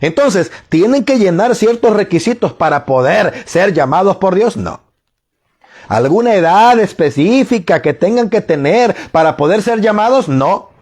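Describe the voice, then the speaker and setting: A man delivers a sermon in a high-pitched voice. He speaks slowly and with emphasis, stretching his phrases. He poses rhetorical questions to his listeners and answers them himself. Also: expressive, darkish tone. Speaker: preacher.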